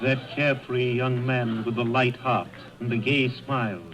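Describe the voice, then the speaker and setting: An actor voicing a solemn, commanding ghost guide in a radio drama, speaking formally and putting grave, measured questions. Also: male voice, medium pitch, flat delivery, lightly acted. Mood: probing, challenging. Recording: muffled radio broadcast with music underneath.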